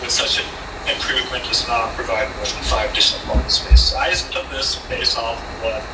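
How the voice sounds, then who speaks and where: A man's voice: mid-range voice, level tone, fairly quick. A man on a speakerphone explaining a draft ordinance to a board, talking loosely with lots of "um" and "basically". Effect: heard over a speakerphone. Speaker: planning consultant who drafted the ordinance. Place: remote caller played into a meeting room. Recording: speakerphone in an echoey room, distant, loud hum.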